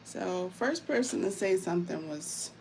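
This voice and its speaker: Warm, welcoming woman host with a gravelly voice. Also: lowish voice, lively intonation, unhurried, a little hiss or hum. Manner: warm, welcoming, greets viewers by name; informal, repeats phrases for emphasis. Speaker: host of a live stream. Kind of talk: casual live-stream chat while painting.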